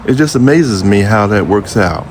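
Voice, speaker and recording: The recording is low quality, with a little hiss or hum, as a Southern-accented vlogger in his fifties from Jacksonville speaks outdoors near a highway beside an old building. His lowish voice has lively intonation and a moderate pace. He tells a personal tale casually, talking directly to viewers in a homespun, conversational style.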